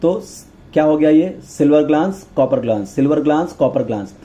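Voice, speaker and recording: A man's voice: on the high side, lively intonation, moderate pace, mellow. A male teacher giving an exam-prep chemistry lecture, repeating terms and mnemonics and calling students "beta".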